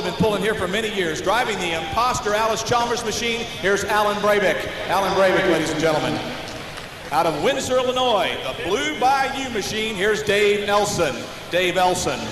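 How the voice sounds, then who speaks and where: An American man working as a tractor pull announcer, introducing competitors live with showy, drawn-out names. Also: sits high. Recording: noisy, echoing arena PA with long reverb.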